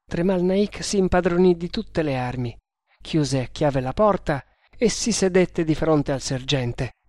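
A reader narrating an adventure novel in a measured, even storytelling manner. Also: mid-range voice, no room sound, studio quality. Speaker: audiobook narrator.

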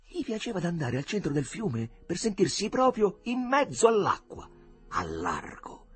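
A man reading a novel aloud as an expressive audiobook narrator, sinking low and soft on quiet images. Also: moderate pace, breathy edge, soft background music. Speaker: audiobook reader.

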